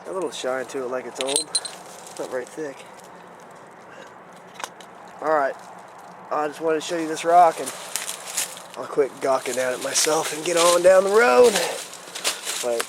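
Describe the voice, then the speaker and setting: A man doing a casual, unhurried vlog out in the woods, thinking aloud in a folksy way as he explores. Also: on the high side, lively intonation. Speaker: outdoor explorer vlogger. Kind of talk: casual rambling vlog narration while exploring. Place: outdoors in the woods on a rocky hillside. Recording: clear outdoor background noise.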